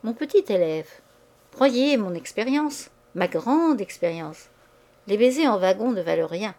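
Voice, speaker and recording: A woman's voice: medium pitch, expressive, measured pace, a little mellow. A woman voicing a worldly young widow who lectures her new husband in a coy, amused tone.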